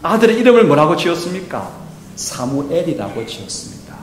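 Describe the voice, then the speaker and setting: A man's voice: fairly high pitch, very animated, a little fast, slight background noise. A man preaching a Sunday sermon with emphasis, now and then acting out quoted speech. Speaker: pastor. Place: church sanctuary. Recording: echoey church hall.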